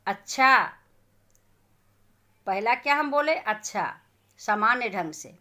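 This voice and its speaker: A woman's voice: fairly high pitch, lively intonation, normal speed, sharp tone. A woman teacher giving a grammar lesson to schoolchildren, asking questions and answering them herself.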